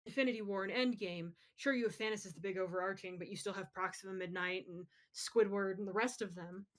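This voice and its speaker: Talking fast with fairly even intonation, this woman co-hosts a podcast, offering opinionated pop culture takes in casual chat. Her mid-range voice is emphatic and she curses freely.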